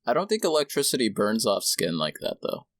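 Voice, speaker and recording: Lively male podcast co-host. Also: mid-range voice, fairly quick, no echo, clean studio sound. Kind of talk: casual chat.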